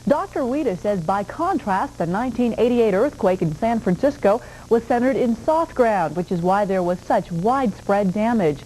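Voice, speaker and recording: A woman's voice: medium pitch, expressive, moderate pace, hardly any pauses, warm tone, a little hiss or hum, rough recording. A woman anchoring a local television news brief from a script.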